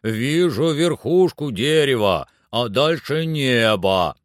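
Old servant guy, wary and grumbling, man putting it on, slow, dry close mic. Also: mid-range voice, lively intonation, no room sound. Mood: wary, calling. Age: older. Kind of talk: audiobook character voice.

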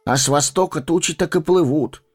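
A man voicing a plucky, excitable young male hobbit with a high, creaky put-on voice. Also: brisk, soft background music. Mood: weary grumbling.

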